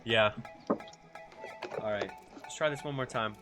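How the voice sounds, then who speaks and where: A man's voice: on the low side, unhurried, over loud music. A man casting a live strategy game match in a loose, chatty way, swearing freely. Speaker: esports caster. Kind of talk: casual live game commentary.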